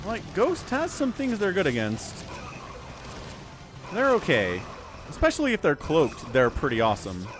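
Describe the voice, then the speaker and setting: Animated man casting a game. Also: a little high, a little slow, pauses often, over music. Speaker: livestream game commentator. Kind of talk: casual esports commentary.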